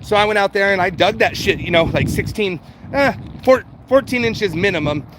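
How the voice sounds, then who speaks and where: This livestream host, a man with a high-pitched voice and ordinary pace, keeps things loose and informal with his audience. He talks right to them and drops the odd swear word. Outdoors, street and vehicle noise is constant.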